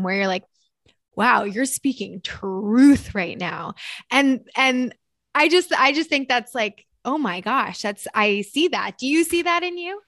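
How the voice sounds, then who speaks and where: Chatty woman co-host, a bit high pitched, dry close mic. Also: fairly bright tone, no room sound. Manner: effusive, chatty. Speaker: podcast co-host. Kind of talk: casual podcast chat.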